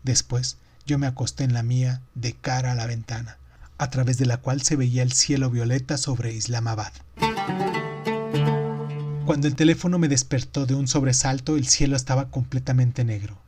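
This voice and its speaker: A man reading a novel aloud in steady, measured audiobook narration. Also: medium pitch, soft background music.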